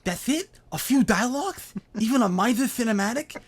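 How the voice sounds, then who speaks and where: A man doing a voice-acting demo, voicing an indignant, whiny nerdy young man with a breathy voice. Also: very high voice, expressive, normal speed, voice pushed up. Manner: incredulous, complaining questions.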